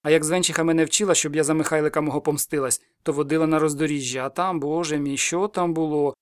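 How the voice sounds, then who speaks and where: A man's voice: fairly high pitch, steady tone, fast talker, smooth, dry recording, clean studio sound, close to an everyday voice. A man doing a rambling old village witch. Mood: ominous. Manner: breathless muttering incantatory ramble.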